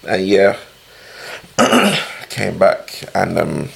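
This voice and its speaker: A young man with a London roadman accent and a gravelly voice, chatting casually in street slang as a podcast co-host. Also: low voice, wildly swooping pitch, drawn-out words, fairly bright tone. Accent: London, urban street (roadman).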